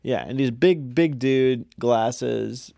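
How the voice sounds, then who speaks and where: A man's voice: mid-range voice, slow, creaky, no room sound, studio quality. A man co-hosting a podcast, casually telling a story, swearing freely and acting out what people said. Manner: animated, swears freely, acts out quotes. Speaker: podcast co-host.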